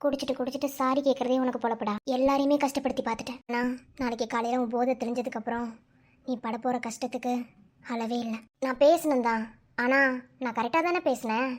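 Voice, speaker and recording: A woman's voice: a little high, steady tone, fast, a little mellow, voice pushed down, lightly acted. A woman voicing a stern young man in a cartoon who bluntly lectures his drunk friend.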